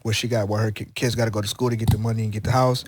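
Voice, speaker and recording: A man's voice: lowish voice, little pitch movement, racing, dry recording, studio quality. Slangy, rambling male podcast co-host. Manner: loose, rambling, slangy, with restarts. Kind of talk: casual podcast chat.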